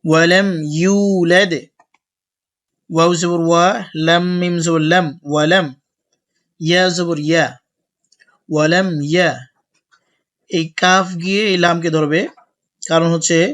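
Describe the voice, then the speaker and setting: Male Quran tutor with a somewhat high, even-toned voice; drills letters slowly, then explains quickly. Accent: Bangladeshi Bengali. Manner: slow, drawn-out recitation alternating with brisk explanation. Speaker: Quran recitation teacher. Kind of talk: spelling-out Quran lesson.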